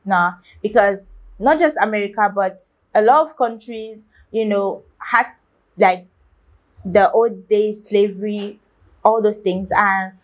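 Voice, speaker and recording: A young woman hosting a reaction video, talking to viewers in a casual, rambling way with many restarts and fillers. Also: medium pitch. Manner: talks straight to viewers, asking their opinion.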